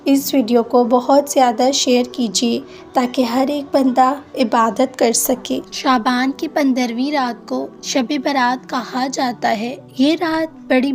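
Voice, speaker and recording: Woman, high voice, steady instructive voice-over, soft music behind. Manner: steady, instructive, listing steps. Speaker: religious channel host. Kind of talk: scripted instructional talk.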